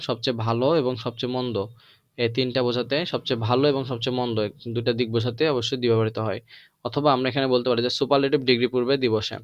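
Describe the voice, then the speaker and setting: A man's voice: medium pitch, dry recording, dull audio. A man teaching English grammar to students, switching between Bengali and English and drilling the class with repeated questions. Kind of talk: lecture to students.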